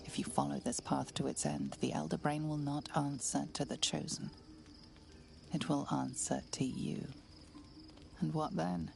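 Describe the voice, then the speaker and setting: A woman voicing the narrator of a fantasy game, speaking to the player in a measured, ominous second person. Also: low voice, flat delivery, vocal fry, a little mellow, full character voice. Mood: foreboding. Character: grave omniscient female narrator of a fantasy game. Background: game music.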